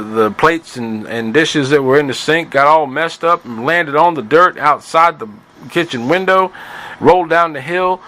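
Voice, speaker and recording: A man's voice: medium pitch, bright, forceful tone, rough recording. A man telling his daughter a playful, folksy improvised bedtime story.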